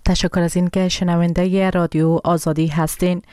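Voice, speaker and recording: A woman presents the radio news in a measured, formal way. Her voice sits low, and the studio sound is close and dry. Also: level tone, a little mellow, clear, resonant tone, dry recording. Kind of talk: read news bulletin.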